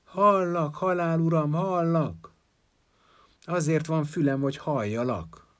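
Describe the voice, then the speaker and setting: A man's voice: lowish voice, very animated, gravelly, full character voice. A man voicing a crafty old peasant with a grey beard, teasing and cheerful, in a folk tale. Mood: sly. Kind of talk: storytelling.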